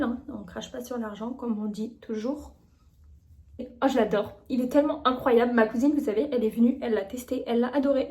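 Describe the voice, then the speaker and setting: A woman's voice: high-pitched, mellow. A young woman chatting casually in a makeup tutorial vlog, gushing about the products she uses. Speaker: beauty vlogger.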